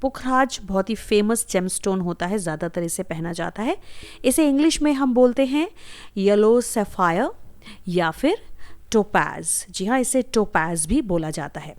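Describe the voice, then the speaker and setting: A woman's voice: mid-range voice, expressive, measured pace, darkish tone, no echo. A woman teaching English vocabulary, saying each word, spelling it out letter by letter and repeating it. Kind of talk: slow explanatory vocabulary lesson.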